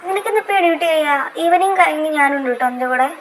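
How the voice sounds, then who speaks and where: A woman's voice: sits high, rapid-fire, a little hiss or hum, lightly acted. A woman voicing a sweet, chatty young woman in a fan audio drama. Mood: friendly. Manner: friendly, questioning.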